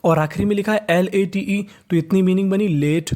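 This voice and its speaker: Teacher from India, reading-lesson drill: spells words letter by letter, repeats each one slowly, asks and answers their own questions, middle pitch. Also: fairly even intonation, mellow. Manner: repeats each new word slowly several times.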